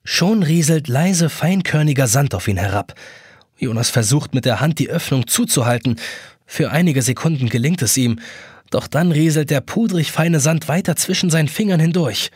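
A man reading a children's story aloud, animated narration that acts out the characters. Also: a little high, moderate pace, breathy edge, no echo, clean studio sound. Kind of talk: expressive scripted story narration.

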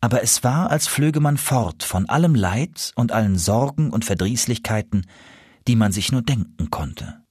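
A man reading a children's story aloud as a narrator, expressive and lively. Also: medium pitch, normal speed, breathy edge, no echo, clean studio sound.

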